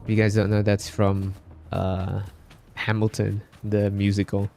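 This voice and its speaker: A man from the Philippines livestreams a game while chatting casually with viewers, game music playing behind him. His fairly low voice is darkish and full of vocal fry, delivered completely flat at a measured pace.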